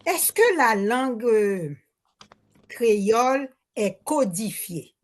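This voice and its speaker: A woman's voice: a little high, very animated, slow. An older woman from Haiti with a Haitian accent, speaking into a handheld microphone at a public Q&A, hesitant, restarting often and mixing Creole words into her French. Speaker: audience member asking a question. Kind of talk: spontaneous remarks at a public Q&A.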